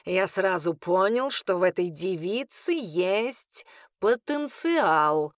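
Grumpy sardonic cat familiar, read by a woman; lower and slower than the narration. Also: expressive, no room sound, studio quality. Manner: snorting, sardonic.

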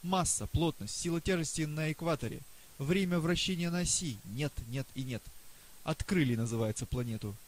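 A man voicing a boastful, excitable old male astronomer professor in an audiobook reading. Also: fairly high pitch, lightly acted, low-quality recording. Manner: lively, boastful, rapid questioning. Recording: faint hiss.

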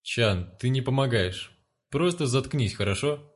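A man's voice: mid-range voice, expressive, unhurried. A man voicing an exasperated captain who placates the people around him in a weary tone.

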